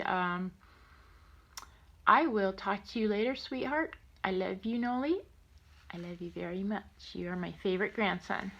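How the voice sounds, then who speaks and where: Speaking at a medium pitch with a fairly bright tone, an older woman animatedly reads a picture book aloud and chats lovingly with her little grandchild in a sing-song, playful manner. The audio sounds dull.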